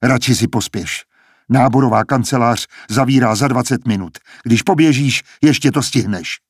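A man voicing a stern, bitter older male academy dean in an audiobook, speaking in a cold, measured, mocking way. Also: mid-range voice, husky, dry recording, studio quality, close to an everyday voice.

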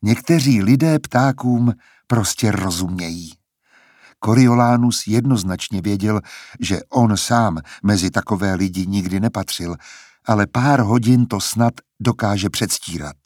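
A man reading a novel aloud as an audiobook narrator, in measured storytelling. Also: lowish voice, a little mellow, no room sound, studio quality. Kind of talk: scripted narration.

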